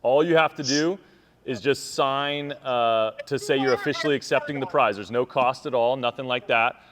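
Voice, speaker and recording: A man's voice: medium pitch, moderate pace, crowd noise. A man hosting a live phone call to tell a winner about her prize, talking in an upbeat, enthusiastic way. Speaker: host calling a prize winner.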